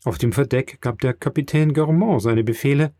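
A male audiobook narrator with a dark, mellow voice. He reads in a measured, steady way. The recording is dry, with no room sound. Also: medium pitch, no room sound. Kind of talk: scripted narration.

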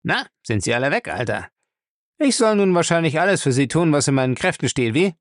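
A man's voice: a little high, big pitch swings, brisk, no echo, clean studio sound, voice pushed up. A man voicing a brash, surly professional thief who talks back with cheeky mockery. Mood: insolent. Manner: cheeky, mocking, raised voice.

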